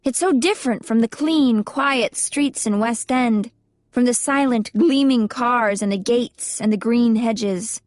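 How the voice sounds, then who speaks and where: A young adult woman narrating a first-person audiobook, her voice fairly high and recorded close and dry with no room sound. She reads in a measured, expressive way. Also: no echo.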